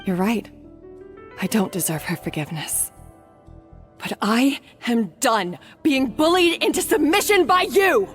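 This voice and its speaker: A woman's voice: on the high side, animated, measured pace, a bit bright, faint music behind. An actress playing a bitter, guilt-ridden woman accomplice in a video game who pushes back against her tormentor. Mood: defiant. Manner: tense, resentful.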